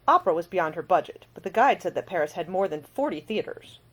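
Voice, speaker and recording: A woman reads her own audiobook, narrating scripted fiction she wrote. Her husky voice sits slightly low yet is full of melody, and she tells the story expressively at a fast clip.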